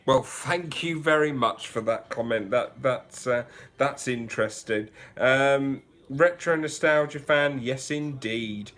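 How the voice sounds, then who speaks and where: A man hosting a relaxed livestream, chatting through viewer comments one by one. His voice sits at an everyday middle pitch. He thinks out loud, trailing off and restarting as he goes. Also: takes it slowly. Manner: chatty, musing aloud with frequent restarts. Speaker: livestream host. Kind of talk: casual livestream chat, reading viewer comments.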